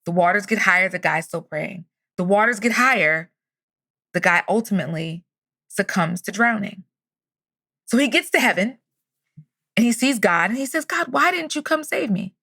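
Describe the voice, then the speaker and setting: Bright-voiced motivational woman host. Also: mid-range voice, lively intonation, normal speed, long pauses, no room sound, clean studio sound. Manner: enthusiastic, storytelling. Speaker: podcast host. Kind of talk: motivational podcast talk.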